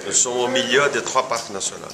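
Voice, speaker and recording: In a noisy indoor room, a Brazilian-accented man in his forties sits before the camera for an informal interview about his coffee farm. His medium-pitched voice stays fairly even while a crowd murmurs behind him. His French is halting and non-native, and he searches for words and repeats them as he explains.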